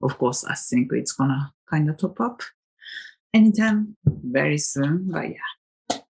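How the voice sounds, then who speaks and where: A woman's voice: sits low, lively intonation, unhurried, creaky, a little mellow, breathy edge. A woman from Japan, a native Japanese speaker, rambling casually and reflectively about tarot in a vlog. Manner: chatty and reflective, many fillers and restarts. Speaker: tarot vlogger.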